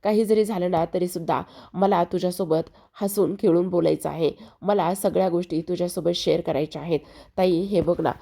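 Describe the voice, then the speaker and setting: A woman's voice: fairly low pitch, fairly even intonation, brisk, gravelly, dark tone. A woman reading the lines of a young woman pleading emotionally with her estranged older sister, in a plain voice.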